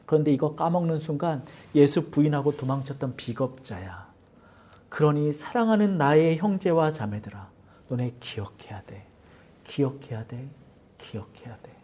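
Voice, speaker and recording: Pastor doing a remorseful apostle, pleading in a wide-ranging voice that sinks to a whisper. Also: male voice, on the high side, animated, moderate pace, mellow. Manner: pleading, dropping to an urgent whisper. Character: remorseful apostle Peter, an earnest man urging believers.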